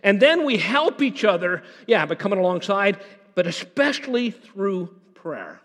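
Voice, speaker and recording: A man preaching a sermon as pastor, animated, often repeating words and dropping to a hushed intensity. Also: sits high, measured pace. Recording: long hall reverb.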